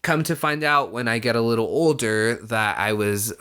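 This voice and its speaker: A young man born in Mexico vlogs about his own life at a moderate pace, in a medium-pitched voice that is slightly bright, clear and resonant. He keeps it casual and conversational, peppering his storytelling to camera with "you know" and occasional swearing.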